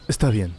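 A man's voice: on the low side, creaky, dark tone, a little hiss or hum, full character voice. An actor voicing an earnest young father in a dubbed film drama. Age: young adult. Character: earnest young father, wounded by his wife's leaving.

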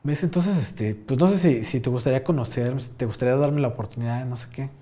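A young man with a Mexican accent, hosting a podcast, tells a meandering story packed with slang and fillers in casual conversation. His voice is medium-pitched, fast, and mellow.

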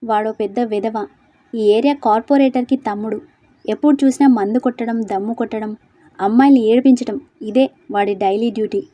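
A woman's voice: on the high side, fairly even intonation, a little fast, no echo, lo-fi sound, lightly acted. A woman voicing a wary, gossipy male lecturer in a storybook reading, explaining the campus scandal.

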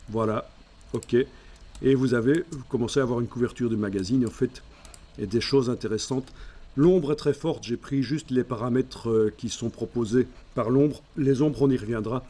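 A man speaking, explaining a software tutorial step by step and thinking aloud as he works. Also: medium pitch, normal speed. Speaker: software instructor. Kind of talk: screen-recorded software tutorial.

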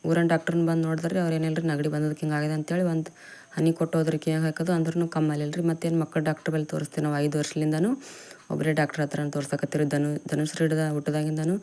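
Village cooking vlogger, young woman, North Karnataka accent, homely step-by-step talk, low warm voice. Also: creaky. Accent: North Karnataka Kannada. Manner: chatty, explains step by step to viewers. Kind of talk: homely cooking demonstration and chat.

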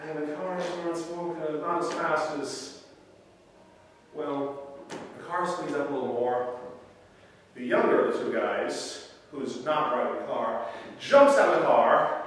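A male pastor telling a story in a lively sermon, acting out the scenes as he goes. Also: fairly high pitch, slow, pauses often. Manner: animated storyteller, acts out scenes with shifting voice. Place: church sanctuary. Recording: echoey church hall from far off.

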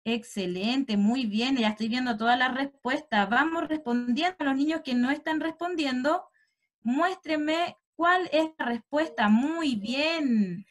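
Woman teacher, slow and patient, coaxing small children through an online lesson. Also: sits high. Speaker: first-grade teacher. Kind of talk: online class for young children.

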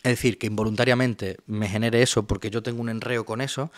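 A psychologist appearing as a webinar guest explains a topic patiently, often checking in with his listener. His medium-pitched voice is steady and quick, recorded with studio quality and no echo.

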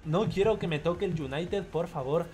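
A young man streaming a football video game live, chatty and excitable, greeting viewers by name as he plays. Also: high-pitched, moderate pace, faint music behind. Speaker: gaming streamer. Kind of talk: live gameplay commentary with chat shout-outs.

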